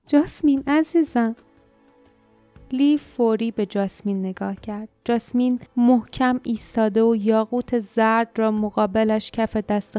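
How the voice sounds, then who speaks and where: A woman narrating an audiobook in a calm, measured storytelling manner. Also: on the high side, no echo. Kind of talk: scripted narration. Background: faint music.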